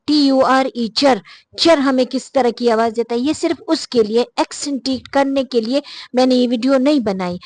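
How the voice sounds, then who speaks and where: A woman's voice: high-pitched, no room sound. Patient woman teaching phonetics, dry sound. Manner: patient, repeats words slowly to model pronunciation; frequent hesitation fillers. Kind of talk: casual spoken lesson.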